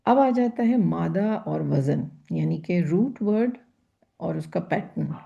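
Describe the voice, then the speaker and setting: A woman teacher gives a grammar lecture at an unhurried pace, her lowish voice edged with gravelly fry. She talks patiently, repeats key terms and asks rhetorical questions before she answers them. The recording sounds dull and lo-fi. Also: expressive, mellow.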